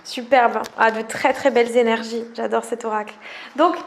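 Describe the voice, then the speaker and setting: A woman's voice: on the high side, steady tone, moderate pace. A French woman, a wellness coach chatting casually to camera, enthusiastic and gushing, often laughing. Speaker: wellness coach presenting oracle cards.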